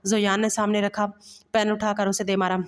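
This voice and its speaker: A woman reading a romantic novel aloud as a storyteller, in a steady voice that stumbles and restarts now and then. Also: mid-range voice, moderate pace. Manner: even, steady reading with occasional slips and restarts. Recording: long hall reverb.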